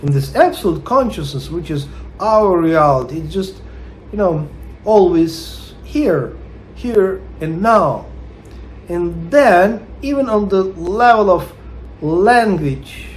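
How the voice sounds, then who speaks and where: Russian-accented guy giving a spiritual talk, slow and halting, lots of ums, highish voice. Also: animated, slight background noise. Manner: hesitant, many fillers, unhurried. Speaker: spiritual teacher. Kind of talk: spiritual talk reading and explaining quotes.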